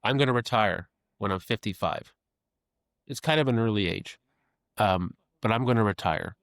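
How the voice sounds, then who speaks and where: A fifty-something man, a creative executive appearing as a podcast guest, speaks at a normal pace in a lowish, creaky voice with a fairly bright tone. The recording is clean studio sound with no echo. His casual interview talk is earnest and reflective, and he often repeats phrases while he thinks.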